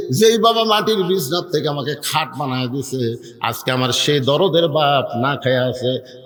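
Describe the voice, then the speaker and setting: A man's voice: high voice, a bit bright, reverberant, in a large hall. A male preacher, telling a story in a sermon and acting out its characters.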